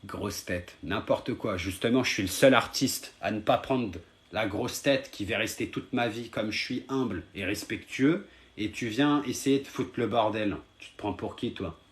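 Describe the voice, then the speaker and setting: A man's voice: lowish voice, normal speed. Heated man scolding his live chat. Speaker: live streamer. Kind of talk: live stream chat with viewers.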